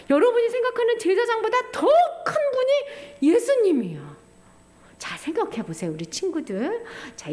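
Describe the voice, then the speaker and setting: A woman giving a children's sermon in a simple, storytelling way, talking directly to the children. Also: fairly high pitch. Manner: animated and expressive, speaking simply to children.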